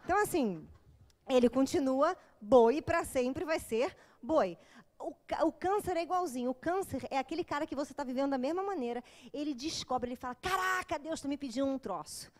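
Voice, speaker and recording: A woman's voice: sits high, brisk. A woman psychologist giving an informal, joking lecture to an audience, acting out little scenes as she goes. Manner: lively, joking, acts out little quoted scenes.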